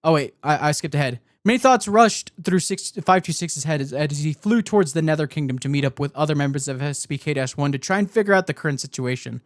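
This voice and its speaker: A man's voice: fairly high pitch, expressive, quick pace, few pauses, dry recording, clean studio sound. A man telling lore as a streamer, with casual asides and a hesitant, self-correcting delivery. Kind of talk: live storytelling with casual asides.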